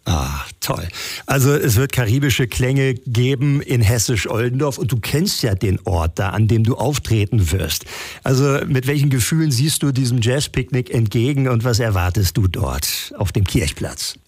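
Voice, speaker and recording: A man's voice: mid-range voice, expressive, normal speed, a little mellow, husky, no echo. A man hosting a radio interview, asking friendly questions. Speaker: radio host.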